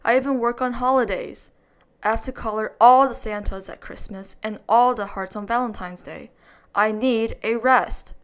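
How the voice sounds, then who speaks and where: A worn-out red crayon grumbles about being overworked in a slow, carefully read picture-book letter, voiced by an American woman. The voice is smooth and clear. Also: on the high side, natural voice. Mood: weary complaint.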